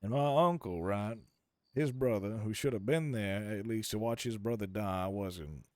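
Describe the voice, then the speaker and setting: A man's voice: lowish voice, measured pace, a little mellow, no echo, natural voice. A man role-playing a reflective Californian drifter in the Old West, with an American accent and a folksy, theatrical way of repeating himself for emphasis. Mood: reflective storytelling. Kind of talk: improvised Western role-play.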